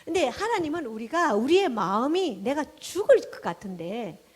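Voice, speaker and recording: A woman pastor preaching a sermon, swinging between hushed, almost whispered lines and loud, emphatic exclamations. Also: high voice, normal speed. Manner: animated preaching, dropping to hushed tones and rising to exclamations.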